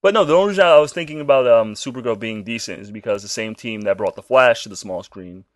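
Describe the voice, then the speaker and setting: A man co-hosting a casual chat, animated and swearing freely. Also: mid-range voice, fast, dry recording. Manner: animated, swears freely, puts on silly quoted voices. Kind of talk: casual chat about comic book shows.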